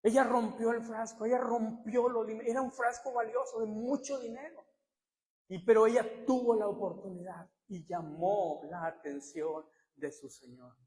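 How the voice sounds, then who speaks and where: High-voiced Mexican preacher man in a hall. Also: normal speed. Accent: Mexican Spanish. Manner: animated preaching, swinging from quiet asides to shouts. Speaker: pastor. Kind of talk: sermon.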